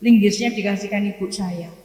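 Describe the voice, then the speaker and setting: Delivering a morning study lecture as an Islamic preacher, this Javanese-accented woman in her sixties has a warm, mid-range voice with fairly even intonation. Her sermon mixes in personal storytelling, spoken emphatically and deliberately with pauses and repeated phrases, and long reverb fills the echoey hall.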